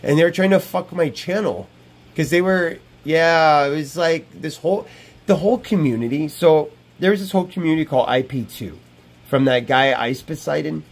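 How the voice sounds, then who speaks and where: A man in his thirties chats on a rambling live stream from a small room, brash and foul-mouthed, circling back to the same points again and again. He talks into a wired earbud headset mic in a voice on the high side, at a moderate pace.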